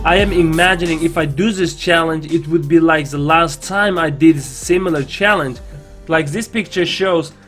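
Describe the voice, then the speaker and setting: Guy w a non-native english accent, kinda high voice, earnest vlog narration, music playing behind him. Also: normal speed, fairly bright tone. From China. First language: not English. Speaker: vlogger. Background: background music.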